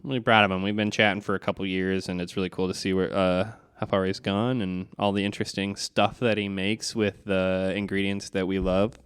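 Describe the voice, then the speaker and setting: A man's voice: sits low, level tone, fairly quick, few pauses, clean tone. A man co-hosting a podcast in casual chat, rambling and enthusiastic with a joking streak. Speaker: podcast co-host.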